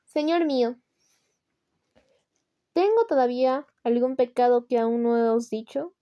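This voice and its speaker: A woman's voice: a little high, measured pace, smooth, dull audio, lightly acted. A woman with a Latin American Spanish accent voicing a dying male sinner who feigns tearful, humble piety in a storybook reading. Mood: pious. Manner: tearful, pleading, feigned humility. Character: dying male sinner, false pious penitent.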